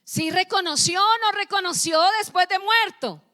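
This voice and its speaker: A woman's voice: very high-pitched, moderate pace, sharp tone. A middle-aged woman pastor, preaching a sermon and firing questions at the congregation, scolding them at times. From Colombia.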